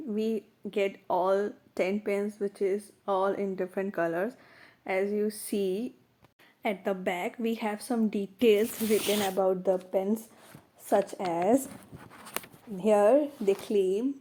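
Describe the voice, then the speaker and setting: A woman's voice: mid-range voice, dark tone. A woman with an Indian accent narrating a casual product review, her voice affected by a cold.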